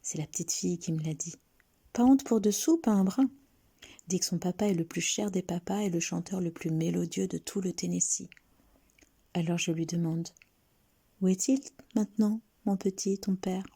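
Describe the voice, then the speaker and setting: Gossipy neighbor woman from a storybook reading, put on by a woman narrator, confiding and scandalized, low husky voice. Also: moderate pace, dark tone. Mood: gossiping. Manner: confiding, gossipy, shocked asides. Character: gossiping Southern small-town woman neighbor.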